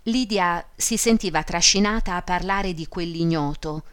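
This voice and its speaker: Smooth low-voiced woman narrating. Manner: measured, even storytelling delivery. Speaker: audiobook narrator. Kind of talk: scripted narration of a classic novel.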